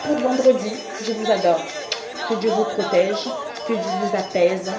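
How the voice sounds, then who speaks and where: A woman's voice: mid-range voice, unhurried, over a noisy crowd. Effusive woman tarot reader, echoey room. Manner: effusive, addresses viewers as friends; soft prayerful tone. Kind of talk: spiritual card reading and blessing. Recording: roomy echo with faint music.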